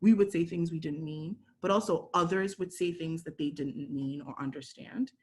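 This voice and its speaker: A woman's voice: low-pitched, normal speed. A young woman speaking earnestly and reflectively as a panelist, with frequent casual fillers. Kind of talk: panel talk on identity.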